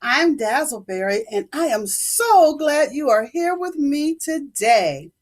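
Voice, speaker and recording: A woman's voice: high-pitched, very animated, slow pace, full character voice. A woman playing an overbright, exclamatory children's show host with a cheery, sing-song delivery. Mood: bubbly, excited. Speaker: children's show host teaching letter sounds.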